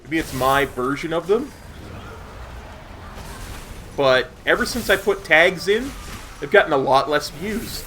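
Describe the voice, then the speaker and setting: A man chatting casually as he plays a game, musing aloud in a halting way. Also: fairly high pitch, lively intonation, pushed and bright, faint music behind. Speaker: gaming streamer. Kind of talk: casual chat while playing. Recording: clear background noise.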